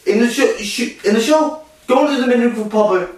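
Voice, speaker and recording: Extremely high-pitched and fast, a male co-host rambles casually about a stage show and its film, stumbling through many fillers and restarts. The sound comes from an echoey room with him positioned far from the mic.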